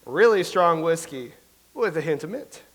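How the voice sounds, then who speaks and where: Playing a vain and anxious playwright, this actor rambles nervously and self-pityingly through a staged comedy reading. His voice sits a little high, stays expressive, and moves at a moderate pace.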